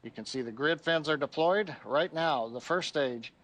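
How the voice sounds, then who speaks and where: A man's voice: a little high, normal speed, fairly bright tone. A man hosting a live launch webcast with explanatory technical commentary.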